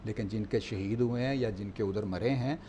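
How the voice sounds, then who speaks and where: A man's voice: lowish voice, mellow, a little hiss or hum. A man speaking as a guest analyst in a studio discussion, earnest and reflective, often trailing off.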